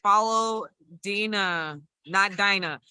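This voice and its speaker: A woman hosting a podcast, briskly asking her guest questions. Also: medium pitch, pushed and bright, clean tone, no room sound. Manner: brisk, keeps things moving. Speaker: podcast host. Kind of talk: casual interview.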